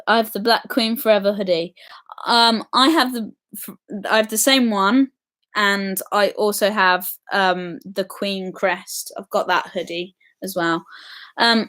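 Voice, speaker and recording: A woman hosting a casual live stream, chatty and excitable, answering viewer comments with lots of ums. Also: mid-range voice. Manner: chatty and excitable, many ums, reacts to comments as they come.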